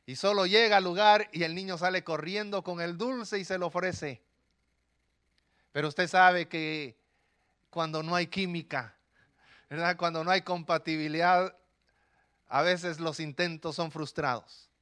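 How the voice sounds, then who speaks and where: High, bright-voiced preacher man. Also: a little slow, long pauses, clean tone. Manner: animated storytelling with rhetorical questions. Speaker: pastor. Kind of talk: sermon.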